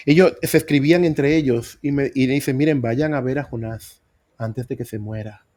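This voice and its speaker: A man's voice: medium pitch, moderate pace, a little mellow. A middle-aged man preaching, telling his own story with earnest emphasis. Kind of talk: sermon testimony.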